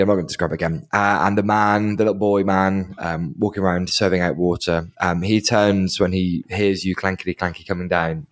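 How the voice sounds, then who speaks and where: A man narrating as game master of a tabletop game, loose and joking. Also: deep voice.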